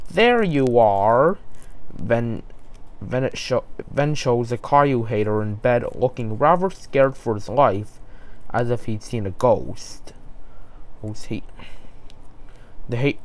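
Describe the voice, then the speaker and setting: A man narrating a creepypasta in a halting, stumbling way, often restarting his sentences. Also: mid-range voice.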